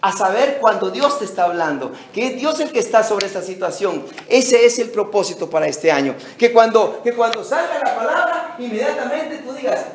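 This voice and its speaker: High-voiced male pastor preaching, echoey hall. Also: normal speed, few pauses. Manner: animated preaching that acts out little phone dialogues; repeats words as he restarts phrases. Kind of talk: sermon. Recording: echoey hall with faint background noise.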